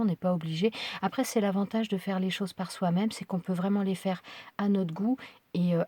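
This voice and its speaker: A woman's voice: medium pitch, mellow, no echo. A woman with a French accent chatting casually while unboxing crafts, hesitant with many fillers and restarts. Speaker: crafting vlogger.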